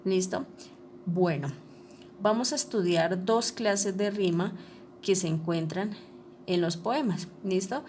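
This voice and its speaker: A woman's voice: medium pitch, takes it slowly, pauses often, a little mellow, a little hiss or hum. A woman teacher explaining a lesson over slides, patient and repetitive, checking often that her listeners follow. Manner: patient, repeats ¿listo? and ¿cierto? to check understanding.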